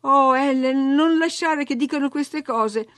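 A woman's voice: fairly high pitch, animated, normal speed, dry recording, clean studio sound, voice pushed up, close to an everyday voice. A woman voicing a spoiled, imperious young girl who gives orders and grows indignant, in a storybook reading. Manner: bossy, indignant, whiny.

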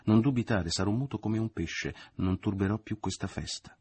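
A man's voice: fairly low pitch, normal speed, a little mellow, slightly rough, no echo. Man reading a mocking, ironic young man. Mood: mock-contrite.

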